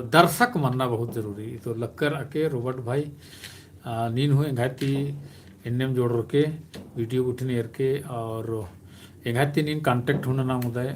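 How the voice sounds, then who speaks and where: A man hosting a live stream, answering viewers' questions in a slow, hesitant way with many filler sounds. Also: mid-range voice, a little hiss or hum.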